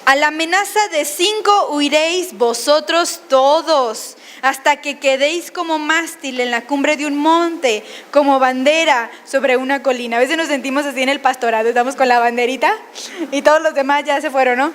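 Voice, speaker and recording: A woman preaching a sermon, animated and often questioning the congregation. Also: sits high, normal speed, big-room sound.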